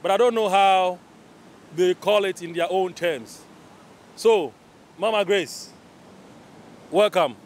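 Chatty Ghanaian man, high voice. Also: slow pace, pauses often. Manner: chatty, switches between English and Twi. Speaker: interviewer host. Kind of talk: casual interview. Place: outdoors on a beach by the sea. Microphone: handheld mic. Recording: faint outdoor traffic noise.

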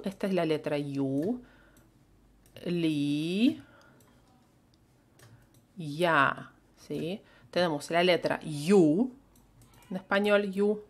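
Slow, patient Russian-accented woman teacher. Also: sits low. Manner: patient, repeats phrases slowly for learners to copy. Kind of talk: live online language lesson.

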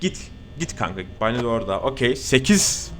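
Jokey, excitable streamer man. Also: mid-range voice, moderate pace, faint music behind. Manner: jokey, excitable, swears often, talks to the viewers. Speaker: gaming streamer. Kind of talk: casual horror gameplay commentary.

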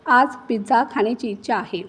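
A woman's voice: on the high side, fairly quick, a bit bright, husky. A woman voicing a demanding older father-in-law who grumbles in a storybook reading.

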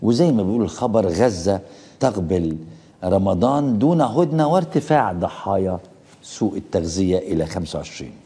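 A man's voice: low voice, very animated, brisk, mellow, breathy edge. A man with an Egyptian accent hosting political commentary, indignant and full of rhetorical questions. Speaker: host.

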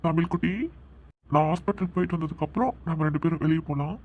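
A man's voice: a little high, fast, narrow, tinny audio, background noise, lightly acted. A man voicing a kind, easygoing young uncle in a cartoon, coaxing a small child. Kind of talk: cartoon voice acting.

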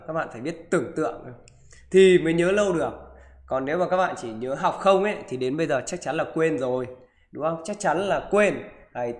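A man teaching physics, talking students through exam questions in a live online class and checking in with them after almost every sentence. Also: fairly high pitch. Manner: keeps asking "được chưa?" and "đúng không?".

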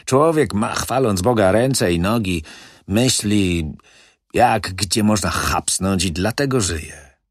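Guy voicing a cocky loud-mouthed manager in an audiobook, pushy and wheedling, voice pitched up. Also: slow, no echo, clean studio sound. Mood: boastful. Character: brash, boastful middle-aged male building manager.

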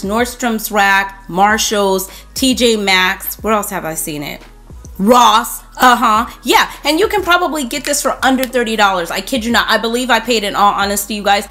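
A woman's voice: fairly high pitch, fairly bright tone. A woman in her thirties talking to camera in a fragrance review vlog, enthusiastically running through lists of scent notes, recorded at home at a desk. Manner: enthusiastic, listing notes in quick rhythmic runs. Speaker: beauty vlogger. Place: home room with a desk display.

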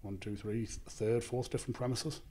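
A Northern English man in his thirties, a gym owner and author, answers podcast questions casually into a handheld mic in a small office studio. He is measured and confident and explains things in lists. His voice is mid-range and warm, with fairly even intonation.

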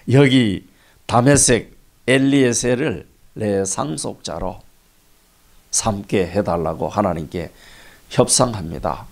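Korean pastor preaching, lively and gravelly. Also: male voice, fairly low pitch. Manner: preaching with rising emphasis and sudden soft drops. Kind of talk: sermon.

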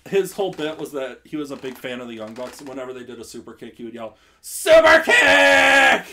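A man's voice: medium pitch, steady tone, quick pace, a little hiss or hum. A young man hosting a casual podcast quiz game, laughing often and filling gaps with "um". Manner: laughs often, filler-heavy. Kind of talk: casual chat.

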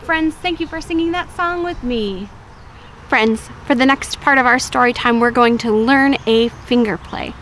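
A young woman librarian leading a children's storytime, talking slowly and clearly in a bright, sing-song way. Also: high-pitched, a little hiss or hum. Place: outdoors at a wooded campsite.

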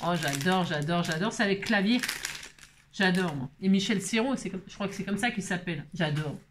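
A woman chatting casually while opening her mail, exclaiming at each item and now and then dropping into high baby talk to her pet. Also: animated, brisk, background noise. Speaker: craft vlogger opening mail. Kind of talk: casual chat unboxing mail. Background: paper crinkling and clicks.

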